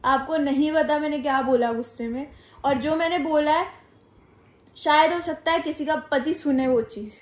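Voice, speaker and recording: Young pregnant woman vlogger, high voice, earnest and insistent, echoey room. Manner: earnest, emphatic, mixing in English phrases. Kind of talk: casual talk to camera.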